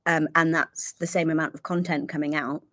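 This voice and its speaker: A woman's voice: low-pitched, level tone, a little fast, fairly bright tone, no echo. A woman chatting casually on a van-life livestream, rambling and apologetic, inside a camper van. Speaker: livestream co-host.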